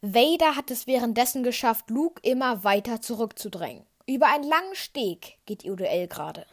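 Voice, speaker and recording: A woman's voice: a little high, lively intonation, normal speed. A woman hosting a podcast, dramatically narrating a retold story. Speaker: podcast host. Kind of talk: scripted story retelling. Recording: narration over music.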